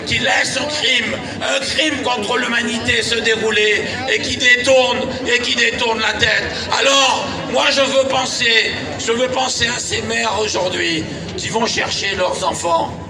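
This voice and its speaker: A man giving an impassioned, indignant shouted speech at an outdoor rally. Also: very high-pitched, measured pace. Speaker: rally speaker. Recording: distant, echoey, crowd behind.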